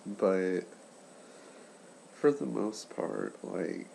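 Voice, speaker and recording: Still recovering from nose and throat surgery, this late-20s man talks in a quiet, halting vlog, his deep, gravelly voice congested and unclear, swinging hugely in pitch. He speaks slowly and softly for a sleeper nearby, pausing and trailing off, with faint background noise.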